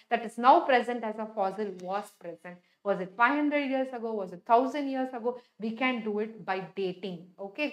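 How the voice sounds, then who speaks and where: A young woman, a native Tamil speaker with a South Indian accent, lectures like a classroom teacher in a high voice. She talks extremely fast and emphatically, repeating key words and tossing in short check questions. The room around her voice sounds noticeably echoey. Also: fairly bright tone. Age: young adult. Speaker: biology teacher. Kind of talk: animated classroom lecture, reading and explaining slides. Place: indoor teaching studio with a display board.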